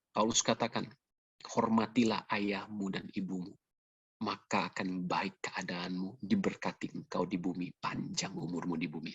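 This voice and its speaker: Gravelly, husky Indonesian pastor preaching. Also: male voice, deep voice, no echo. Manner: earnest, conversational preaching with frequent "ya" and "Bapak Ibu" asides. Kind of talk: sermon over a video call. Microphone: computer or video call mic. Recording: dull lo-fi video call audio.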